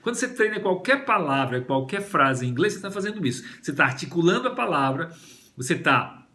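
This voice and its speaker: A man's voice: fairly high pitch, brisk. A man with a Brazilian Portuguese accent giving a language lecture, explaining step by step and often checking in with "né?". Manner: explanatory, frequent "né?" tag questions, lively intonation. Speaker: language teacher giving a talk.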